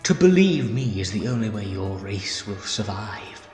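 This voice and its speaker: A man's voice: on the low side, sing-song, unhurried, darkish tone. A man playing a bitter, decayed villainous mastermind in a fan audio drama, grandiose, persuasive and menacing. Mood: urgent, menacing. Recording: echoey hall, clear music behind.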